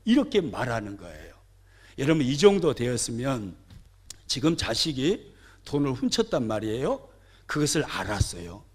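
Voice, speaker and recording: A man preaching a sermon as pastor, swinging between loud outbursts and soft asides, questioning and joking with his congregation. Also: mid-range voice, wildly swooping pitch, moderate pace, slightly rough. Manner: asks the congregation questions and jokes with them. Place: church sanctuary.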